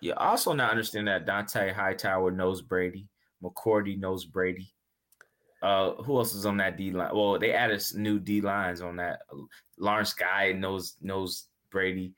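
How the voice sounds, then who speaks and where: A man co-hosts a casual sports podcast in a relaxed, slangy way and laughs often. His voice sits somewhat low for a man. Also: a little slow. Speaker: podcast co-host.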